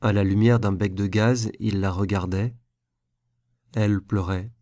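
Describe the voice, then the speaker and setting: A man narrates a classic novel aloud in a low, dark, mellow voice. His reading is measured and even. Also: no echo, clean studio sound. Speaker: reader.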